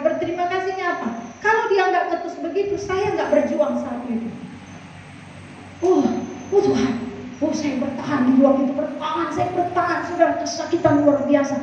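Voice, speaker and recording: A woman pastor giving an animated sermon, telling stories, acting out dialogue and breaking into song. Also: very high-pitched, slight background noise. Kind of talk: sermon with storytelling and sung lines. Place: church. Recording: echoey hall, distant mic, dull sound.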